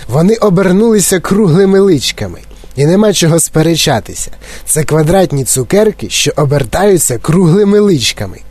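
A man reading an audiobook, voicing an eccentric, excitable male candy-factory owner who talks in brisk, insistent exclamations. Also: fairly high pitch, husky, no room sound. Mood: eager. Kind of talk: audiobook character voice.

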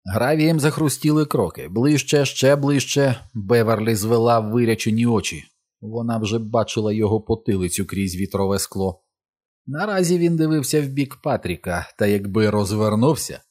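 Guy with a lowish voice reading a dark novel aloud, measured and dramatic. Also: lively intonation. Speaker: audiobook narrator. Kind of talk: scripted narration of a novel.

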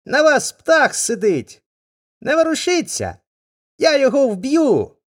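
Запальний сільський хлопчик, якого грає чоловік, що гучно й поривчасто вигукує. Голос високий і напружений, трохи хрипкуватий. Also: male voice, on the high side, big pitch swings, unhurried, breathy edge, no echo, studio quality, voice pushed up, full character voice. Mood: excited. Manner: shouting, impulsive. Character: rash young peasant boy, loud and excited. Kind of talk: storybook reading.

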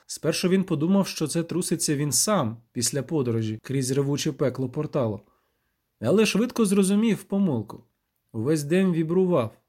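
A man narrating a fantasy audiobook in a measured, steady way. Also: fairly high pitch.

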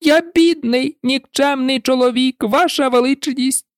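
Woman doing a trembling high-voiced hatter. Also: moderate pace, dry recording, studio quality. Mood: nervous pleading. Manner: nervous, pleading. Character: trembling timid male hatter.

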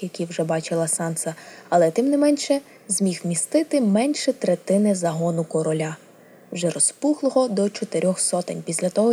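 Storybook narrator: a woman with a mellow, husky voice and a steady, even read. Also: medium pitch. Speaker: audiobook reader. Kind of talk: scripted narration.

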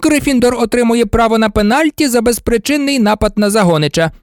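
A man's voice: very high-pitched, fairly quick, smooth, no echo, clean studio sound, voice pushed up. A man voicing a strict woman referee. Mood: commanding. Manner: sharp, commanding. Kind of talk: audiobook character voice.

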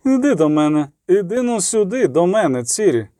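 A man's voice: sits high, big pitch swings, moderate pace, warm tone, no room sound, voice pushed up. A haughty old queen barks orders in a raised, ringing voice, as a man reads her part. She is cold and commanding, a grandmother used to ruling. This is storybook reading with a dry, close sound. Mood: coaxing.

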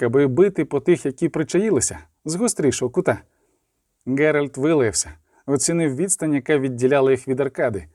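Male audiobook narrator, fantasy, mellow warm tone, dry close studio sound. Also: on the high side, no room sound.

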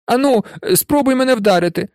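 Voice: mid-range voice, big pitch swings, fairly quick, darkish tone, no echo, clean studio sound, voice pushed up, natural voice. A reader voicing a nervous but stubborn schoolboy who speaks in strained, defiant outbursts. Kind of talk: audiobook character voice.

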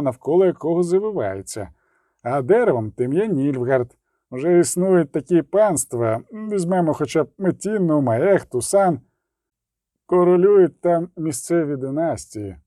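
A man voicing a calm, well-informed middle-aged merchant in an audiobook, explaining in a measured way. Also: fairly high pitch, no room sound, studio quality.

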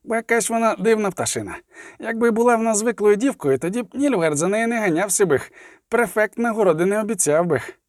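A crude, suspicious mercenary mutters sly remarks in a raised, lively voice, as a male narrator puts him on. The sound is dry. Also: high-pitched, a little fast, no echo, pitched above the performer's own voice.

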